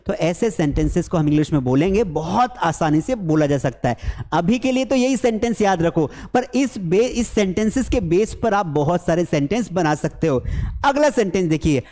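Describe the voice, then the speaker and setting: Guy teaching english, kinda high voice, repeats everything, echo-y hall sound. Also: expressive, moderate pace, a little mellow. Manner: explains with everyday examples, repeats phrases for learners. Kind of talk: bilingual spoken English lesson.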